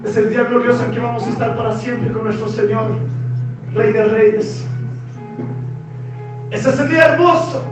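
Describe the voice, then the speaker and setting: Male pastor, very high voice, impassioned shouting sermon, booming echoey hall from a distance. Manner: impassioned, often shouting, emphatic repetition. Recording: echoey hall from far off, dull, music and congregation behind.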